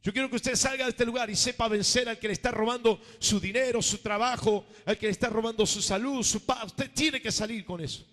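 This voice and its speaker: A man, a pastor preaching a sermon with emphasis, calling for amens and swinging between loud and hushed delivery. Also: extremely high pitch, a little fast, few pauses. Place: church sanctuary. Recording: reverberant church hall.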